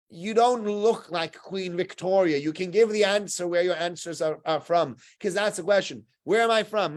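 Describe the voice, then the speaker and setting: A man teaching the weekly Torah portion to a small group, conversational and full of rhetorical questions. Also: high-pitched. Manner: conversational, rhetorical questions, acts out quoted exchanges. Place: synagogue room with listeners.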